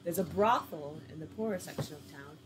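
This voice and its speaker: Lady reading a choose-your-story game, lowish voice, casual, noisy mic. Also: a little fast. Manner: casual, laughing asides while reading. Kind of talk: reading an interactive story aloud with banter.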